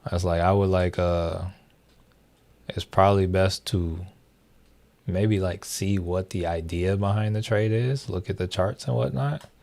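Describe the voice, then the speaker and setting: A young man hosts a livestream, chatting loosely with his viewers in a rambling way, full of fillers and restarts. His voice is low-pitched and a little mellow, with vocal fry and fairly even intonation, and he takes his time.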